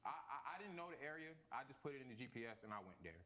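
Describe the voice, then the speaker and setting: A man's voice: medium pitch, animated, very fast, sharp tone. A young man from Miami, a defendant on a TV court show, explaining himself in a stammering, defensive way.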